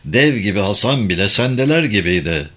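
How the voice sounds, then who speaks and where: A man reading a novel aloud as a dramatic, expressive audiobook narration. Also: fairly low pitch, fairly quick.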